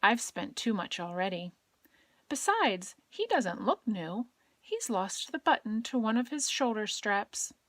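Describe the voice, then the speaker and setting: A woman voicing a weary, sighing mother who gently refuses, in a storybook read to a toddler. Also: mid-range voice, big pitch swings, measured pace, no room sound. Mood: weary reluctant.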